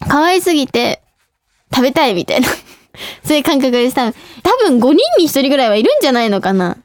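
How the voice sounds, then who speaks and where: A woman's voice: sits high, animated, fast talker, no echo, studio quality. A young woman hosting a radio show, reading listener mail and chatting casually, bubbly and often breaking into giggles.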